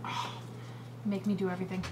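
A woman's voice: medium pitch, flat delivery, fast talker, a crowd in the background. Dry teasing woman, off-mic. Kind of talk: casual chat among friends. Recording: from far off, room noise.

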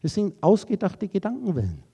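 This is a man lecturing to a live audience, his voice pitched high yet dark and mellow in tone. He rambles through associative wordplay and speaks to his listeners directly and casually. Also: huge pitch swings, a little fast, slightly rough. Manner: addresses listeners directly and informally. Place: lecture room.

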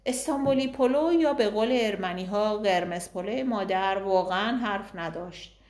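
A woman's voice: medium pitch, a little mellow. Woman reading a novel aloud, roomy echo. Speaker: audiobook narrator.

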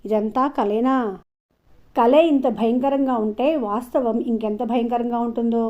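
Woman voicing lonely old widower, earnest and anxious, mellow voice, dull lo-fi audio story. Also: fairly high pitch, fairly even intonation, moderate pace, natural voice.

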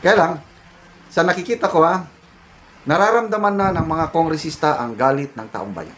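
Opinionated Filipino man, fairly high voice. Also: normal speed, poor audio. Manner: opinionated, animated, mixes English into talk. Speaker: political commentator. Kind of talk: casual political commentary.

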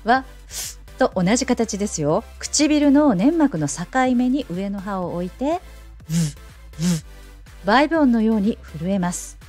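英語の発音を丁寧に教える女性の先生で、子どもに語りかけるように楽しげに誘導する。. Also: female voice, moderate pace, soft background music. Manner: playful, coaxing as if to children; animated, lively pitch. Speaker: English teacher. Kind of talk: pronunciation lesson.

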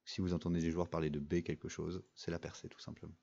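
A man's voice: sits low, level tone, fast talker, vocal fry, mellow, dull audio. A young man giving casual, rambling commentary over a mobile game, full of fillers and restarts. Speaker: gaming video creator.

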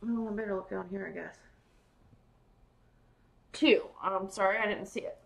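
A woman's voice: medium pitch, moderate pace, gravelly, fairly bright tone, rough recording. A woman hosting a live pearl-opening sale, chatting casually and gushing to viewers by name. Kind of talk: casual live-stream sales chat.

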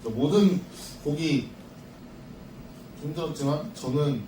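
A man who plays keyboards in a band, answering a fan question at a live showcase in a halting, think-aloud way. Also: a little high. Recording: echoey hall from a distance with faint noise.

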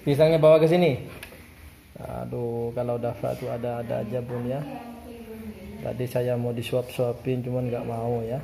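Home vlogger mom, low chatty woman's voice, family noise around her. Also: flat delivery, normal speed, vocal fry, a crowd in the background. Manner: chatty, keeps addressing viewers as "Bun". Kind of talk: casual home vlog chat.

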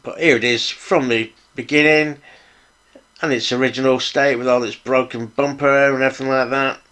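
A man's voice: medium pitch, steady tone, moderate pace, fairly bright tone, smooth. A middle-aged British man casually narrating a hands-on hobby build vlog in an informal, appreciative, chatty way. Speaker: hobby video host, model car builder.

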